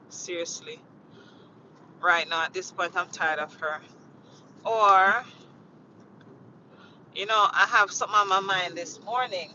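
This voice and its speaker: A Jamaican woman with a mid-range, pushed and bright voice hosts a casual livestream from inside a vehicle, greeting viewers while rambling and repeating herself. Her phone is mounted on the dashboard, and the audio has its highs cut off plus a little hiss or hum.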